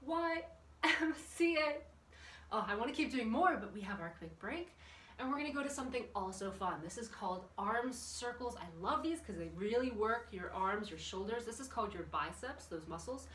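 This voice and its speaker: Her voice sits on the high side, with lively intonation, a normal pace, and a fairly bright tone, as she coaches a children's exercise session warmly and chattily while asking viewers questions. It was captured indoors with windows open by a distant camera, leaving the audio echoey and noisy.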